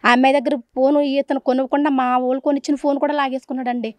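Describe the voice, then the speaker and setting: A woman with a Telugu accent talks fast and with indignation, her voice pitched high. The recording is dry and close, with no room sound. She pleads for justice in a news interview. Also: flat delivery, no room sound. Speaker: relative of the victim.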